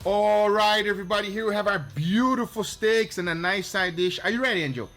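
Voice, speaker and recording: A man's voice: sits high, a little fast, fairly bright tone, soft background music. A man hosting a casual cooking video, tasting steaks, teasing his friend and laughing often. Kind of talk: casual chat tasting food.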